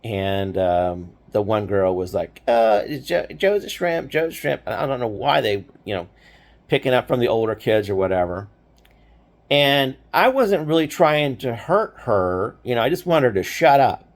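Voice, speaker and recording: A man's voice: fairly low pitch, animated, unhurried. An older man casually telling a childhood story, rambling with many fillers. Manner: rambling, lots of "you know" fillers.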